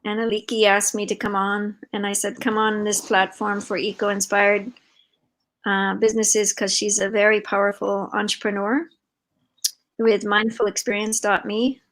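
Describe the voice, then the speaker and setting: An older woman hosting a live video-call interview, talking in a warm, rambling way with many fillers. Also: mid-range voice, level tone, moderate pace, poor audio. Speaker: host and founder of an organization. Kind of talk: casual conversational interview.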